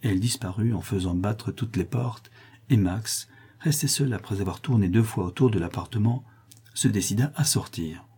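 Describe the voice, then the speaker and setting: A man reads a literary novel aloud in a steady, expressive audiobook narration. His voice is low, dark and mellow, with a husky texture. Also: moderate pace. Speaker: audiobook reader.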